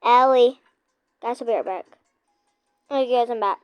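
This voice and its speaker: A woman's voice: on the high side, measured pace, clean tone, no room sound, faint music behind. A young girl hosting a casual gameplay video, chatting with a friend and talking to viewers as "guys", giggly and chatty. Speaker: gaming channel host.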